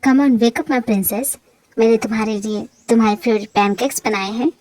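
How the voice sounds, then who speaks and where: A woman doing a soft-spoken young husband. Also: a little high, moderate pace, dry recording, pitched below the performer's own voice, natural voice. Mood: coaxing. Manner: soft, soothing, reassuring. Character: gentle young husband comforting his wife. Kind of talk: fan-dubbed romantic audio drama.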